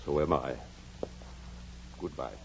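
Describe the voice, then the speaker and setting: A man's voice: extremely low pitch, slow pace, a little mellow, a little hiss or hum, exaggerated voice. An actor playing a kindly, blunt middle-aged country doctor, dryly witty and fatherly in 1940s radio acting, on a dull old radio broadcast. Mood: grave. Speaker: Doctor Kenneth.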